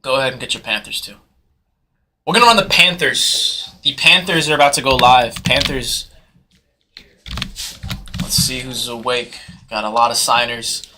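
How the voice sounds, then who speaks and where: A man hosting a live sports card break, calling auction bids in hyped, fast patter. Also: medium pitch, background noise. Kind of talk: live sales commentary.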